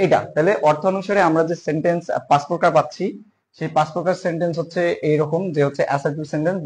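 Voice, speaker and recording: A man giving a casual spoken grammar lesson, spelling terms out letter by letter and stretching key words slowly. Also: fairly high pitch. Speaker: teacher.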